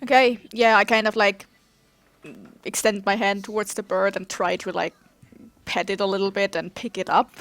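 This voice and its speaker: A woman with a mid-pitched voice plays a tabletop game. She chats casually and feels her way through her character's actions, in very dry sound. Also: level tone, normal speed, a bit bright, dry recording. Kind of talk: casual role-play chat.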